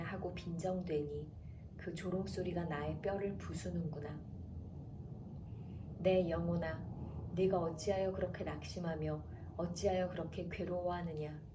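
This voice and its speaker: A woman announcer reading the Bible aloud in a calm, measured way, slowing down for the chapter headings. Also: fairly low pitch. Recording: roomy echo, distant from mic, faint background noise.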